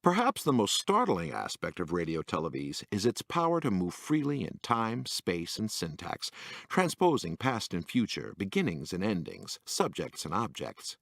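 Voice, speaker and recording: Deep-voiced, with wildly swooping pitch, vocal fry and a fairly bright tone, a man narrates a funny magazine essay at normal speed with no echo. He reads it wryly and drily, raising his voice for every quotation.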